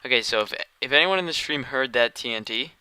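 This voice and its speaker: A man's voice: medium pitch, animated, fast, bright, forceful tone, clean tone, no echo. Tired man rambling through a game stream. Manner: rambling, thinking aloud while playing. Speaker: gaming streamer. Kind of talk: casual live-stream commentary.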